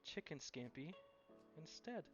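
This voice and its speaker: A man's voice: on the high side, big pitch swings, unhurried, highs cut off, faint music behind. A man running a live cooking stream, chatting and cheerfully thanking viewers as he cooks.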